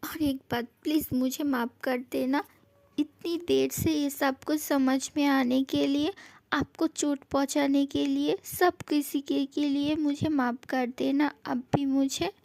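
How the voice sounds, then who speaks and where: A woman's voice: high voice, fairly even intonation, a little slow, vocal fry, a little mellow, no room sound. A woman playing a playful, teasing young wife in a fan audio drama, who taunts and sweetly coaxes. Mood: sweet promises.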